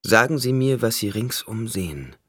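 A man's voice: fairly low pitch, sing-song, moderate pace, fairly bright tone, breathy edge, no room sound, studio quality, pitched above the performer's own voice, full character voice. A man voicing a tormented, blind young prophet-emperor who speaks with intense, commanding outbursts. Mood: urgent.

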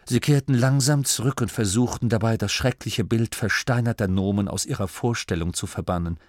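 A man reading a fantasy novel aloud as an audiobook narrator in a measured way. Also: on the low side, darkish tone, no echo, clean studio sound. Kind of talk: scripted narration.

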